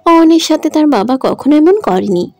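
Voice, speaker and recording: A woman's voice: high voice, lively intonation, moderate pace, warm tone, faint music behind. A woman narrating a romantic audio drama in an emotive, dramatic manner. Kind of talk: scripted story narration.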